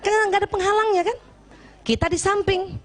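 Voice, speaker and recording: High-voiced playful woman lecturing an audience. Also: steady tone, brisk, noisy background. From Bugis, South Sulawesi. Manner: playful, teasing, acts out little scenes; often checks in with the audience. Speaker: speaker at a women's gathering. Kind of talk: lively marriage advice talk to an audience.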